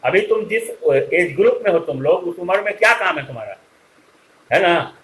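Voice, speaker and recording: Guy teaching online, fairly high voice, scolds his students a lot. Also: lively intonation, normal speed, a bit bright, poor audio. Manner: scolding, lecturing students directly.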